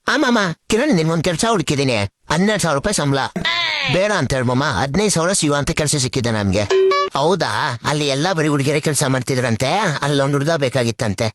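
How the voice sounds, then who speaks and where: Brash quick-talking comic man. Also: a little high. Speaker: sketch actor. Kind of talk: comic sketch dialogue.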